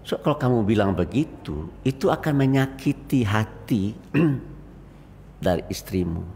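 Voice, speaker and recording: Animated older man preaching in a mosque hall. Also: on the low side, a little slow, gravelly. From Indonesia. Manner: animated storytelling, acting out quoted voices. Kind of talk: mosque sermon after dawn prayer. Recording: reverberant mosque hall, faint noise.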